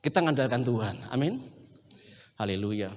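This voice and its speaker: A middle-aged male pastor preaching a sermon, telling stories with animated shouts and laughter. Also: medium pitch, moderate pace, long reverb tail.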